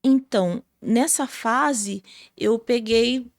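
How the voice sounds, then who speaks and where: A woman's voice: on the high side, takes it slowly, dry recording, clean studio sound. A Brazilian woman, a gospel singer, telling her personal testimony in a podcast interview with emotional storytelling. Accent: Brazilian Portuguese. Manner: emotional storytelling, many fillers like "sabe?".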